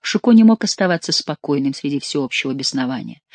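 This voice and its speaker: Expressive audiobook narrator, dry sound. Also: medium pitch, a little fast, dry recording. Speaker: audiobook reader. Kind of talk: scripted narration.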